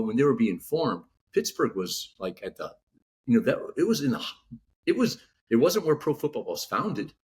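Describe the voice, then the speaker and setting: A California author being interviewed on a relaxed podcast speaks in a mid-range voice. He's halting, restarting often and filling gaps with "you know."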